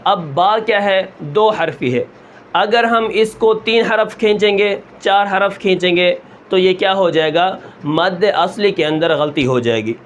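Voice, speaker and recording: A man teaching Quran recitation step by step, asking questions and answering them himself, and stretching sounds slowly to show them. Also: sits high, slight background noise. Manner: asks the class a question, then answers it himself; draws out sounds long and slow to show them.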